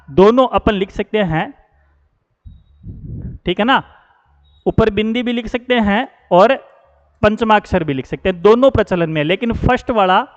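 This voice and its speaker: A man teaching Hindi spelling, explaining each word slowly and checking in with his students. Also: sits high. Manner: explanatory, repeats key words, asks "है ना". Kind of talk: spelling lesson. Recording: dull lo-fi sound with long reverb.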